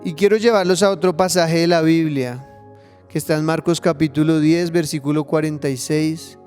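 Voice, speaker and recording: High-pitched, emphatic preaching man. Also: fairly even intonation, normal speed, darkish tone, soft background music. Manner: emphatic preaching, dramatizes scripture passages. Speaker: pastor. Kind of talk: online church sermon.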